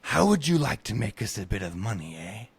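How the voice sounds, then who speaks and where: An author reading aloud, a man voicing a drunken, bumbling, greedy nobleman with a loud, slurring bluster. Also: fairly low pitch, sing-song, fairly quick, creaky, slightly rough, full character voice. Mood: drunk, jovial.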